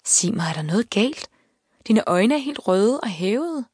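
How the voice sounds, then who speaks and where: A caring, worried mother, as a woman reads her in an audiobook, asking gentle, concerned questions. The voice stays close to the reader's own and sounds dry and near. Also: medium pitch, animated, breathy edge, no room sound. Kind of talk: audiobook character voice.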